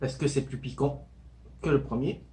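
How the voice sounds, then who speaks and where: A man's voice: mid-range voice, normal speed, dark tone, slight background noise. A man giving a casual mukbang-style food review, talking between bites as he eats spicy noodles.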